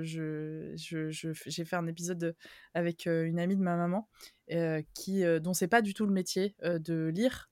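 A woman hosting a podcast in casual chat, with a tired, slightly strained voice and a Vendée accent, lively and laughing often. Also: on the low side, dry recording, clean studio sound. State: tired voice, throat worn. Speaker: podcast host.

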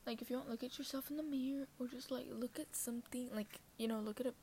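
A woman's voice: on the high side, fairly even intonation, quick pace, warm tone, slight background noise. A woman hosting her own podcast, rambling and self-conscious, often dropping into a half-whisper. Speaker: podcast host. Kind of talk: casual solo talk.

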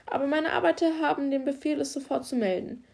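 Woman playing nervous stout workshop boss, hesitant, eager to please, high voice, mellow, audiobook. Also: fast, vocal fry. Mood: flustered.

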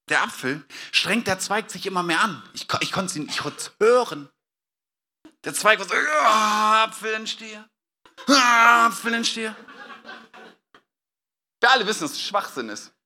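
A man delivering a sermon, his voice pitched high and ringing very bright. He shifts from quiet, reflective passages into loud, dramatic outbursts as he acts out the quotes he cites. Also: lively intonation, normal speed. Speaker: pastor.

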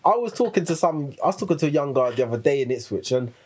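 A man with a London accent talks quickly in a relaxed group chat. His husky voice swings widely in pitch, and he acts out quoted people with lively mimicry. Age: adult with children. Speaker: podcast co-host.

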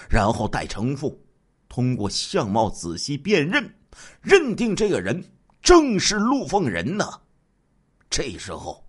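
A man narrating a true-crime radio program as a dramatic storyteller, with animated delivery and drawn-out sentence-end particles. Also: fairly high pitch, breathy edge.

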